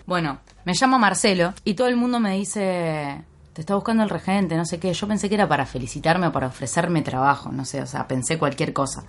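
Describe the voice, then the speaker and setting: Animated young Rioplatense woman, lowish voice. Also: fairly quick. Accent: Rioplatense Argentine Spanish. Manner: animated storyteller, acts out dialogue, swears freely. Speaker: podcast guest. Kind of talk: casual chat.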